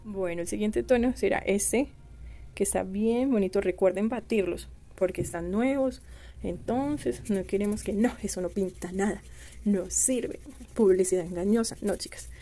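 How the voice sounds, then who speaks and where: A woman's voice: mid-range voice, fairly quick, dark tone. A young Colombian woman with a Medellín accent, gushing as she chats through a nail product review and calling her viewers "chicas". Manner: chatty and gushing, calls viewers "chicas" and "mis amores". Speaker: beauty vlogger.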